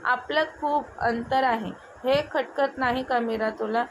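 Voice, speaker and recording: A woman voicing a stern adult male police officer, speaking firmly and in a measured way. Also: on the high side, steady tone, low-quality recording. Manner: firm, measured. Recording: noticeable background noise.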